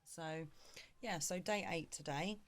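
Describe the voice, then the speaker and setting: In a candid video diary, a vlogger in her thirties speaks in a fairly low voice. She sounds tired and worn out, and her speech halts with frequent pauses.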